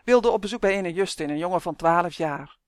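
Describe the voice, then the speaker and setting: A reader narrating a children's storybook in a steady, clear way. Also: mid-range voice, brisk, no room sound, studio quality. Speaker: audiobook reader.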